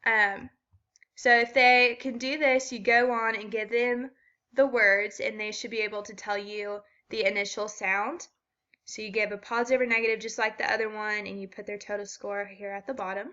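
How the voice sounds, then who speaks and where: A woman's voice: mid-range voice, flat delivery, moderate pace, sharp tone, lo-fi sound. A woman walking through a children's reading assessment step by step, with frequent ums. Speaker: student teacher explaining an assessment.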